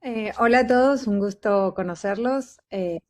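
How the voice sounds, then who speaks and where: A woman's voice: mid-range voice, unhurried, a little mellow. A woman from Argentina speaks as a panel guest, a doctoral researcher describing her work. She explains earnestly and steadily, dropping in fillers now and then. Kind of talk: panel talk.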